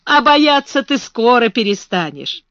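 Woman voicing a gentle, cheerful boy. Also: a little high, sing-song, a little slow, dry recording, highs cut off, voice pushed up. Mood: reassuring. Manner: gentle, reassuring. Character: kind cheerful country boy.

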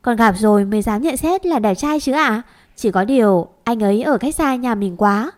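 A woman's voice: on the high side, animated, normal speed, close to an everyday voice. A woman voicing a cheeky younger sister who teases and tattles to her grandmother. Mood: teasing. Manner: cheeky, teasing.

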